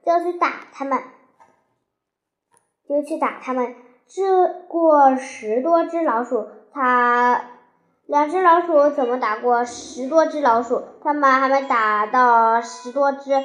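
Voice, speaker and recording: A woman narrating a children's story with a lively, expressive delivery. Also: sits high, roomy sound.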